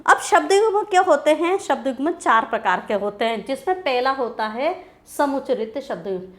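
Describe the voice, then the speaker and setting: A woman's voice: high-pitched, animated, moderate pace, fairly bright tone. A woman teacher giving a grammar lecture, repeating key terms and answering her own questions.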